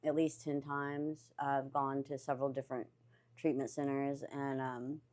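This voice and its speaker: A young woman with a drawl and a notably deep, low voice. She talks openly about her life, pausing often and filling gaps with ums, breaking into laughter now and then. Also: flat delivery, a little mellow. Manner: hesitant, many fillers, bursts of laughter. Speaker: interviewee, barista in recovery. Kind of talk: candid personal interview.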